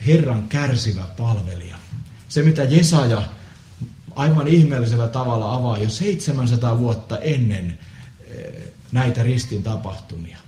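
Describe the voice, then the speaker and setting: A man preaching a solemn Good Friday sermon, measured with pauses and the odd hesitant filler. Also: medium pitch, lively intonation, warm tone, slight background noise. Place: church. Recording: echoey church with faint ambience.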